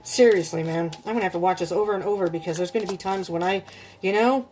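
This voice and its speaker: A woman's voice: on the low side, quick pace, slight background noise. A woman giving a casual tarot reading at home, chatty and often checking in with her listeners. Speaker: tarot reader.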